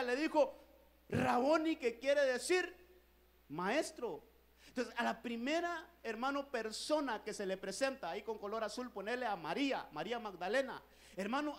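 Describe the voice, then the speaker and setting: A pastor delivers a sermon to his church in a notably high voice for a man. He speaks earnestly, calls his listeners brothers again and again, and builds louder and slower on his main points. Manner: earnest preaching, repeating "hermano" often.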